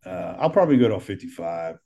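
A man in his thirties with a low, gravelly American voice, talking as a firefighter guest in a casual podcast chat. He speaks earnestly and often doubles back on his words. The voice sits below most men's and has a rough, crackly edge. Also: very animated, fast, warm tone. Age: 30s. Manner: earnest, repeats words while thinking.

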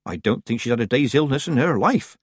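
A sour, worried housekeeper a man acting as a woman in an audiobook. She grumbles and disapproves with a sniff, her pitch rising and falling freely in a dry, close recording. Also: animated, a little fast, breathy edge, no room sound. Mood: disapproving.

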